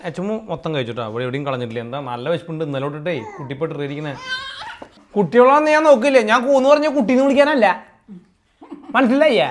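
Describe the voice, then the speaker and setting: A woman's voice: on the low side, animated, fast talker, slight background noise. A woman vlogger chatting casually with her family and narrating a home recipe, mixing English words into her talk. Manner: chatty, mixes English into Malayalam. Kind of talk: casual vlog chat and cooking narration. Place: home kitchen and dining area.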